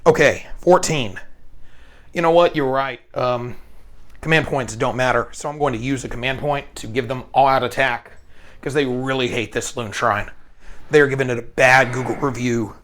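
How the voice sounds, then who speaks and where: A man with a hoarse, gravelly voice, casually narrating his moves during a tabletop wargame with playful jokes. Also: mid-range voice, normal speed, fairly bright tone. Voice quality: gravelly, breathy whispery. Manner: joking, playful asides. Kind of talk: casual battle report chat.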